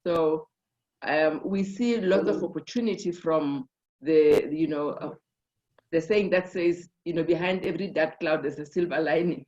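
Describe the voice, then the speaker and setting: A woman's voice: low-pitched, measured pace, darkish tone. A woman sharing her experience in a group discussion, thoughtful, with many fillers and restarts. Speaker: conference participant. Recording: dull lo-fi online call audio.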